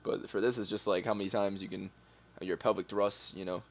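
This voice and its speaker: Low-voiced man in loose, profane chat. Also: steady tone, brisk, pushed and bright. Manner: loose and profane, laughing, hesitant fillers. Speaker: stream co-host. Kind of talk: casual chat.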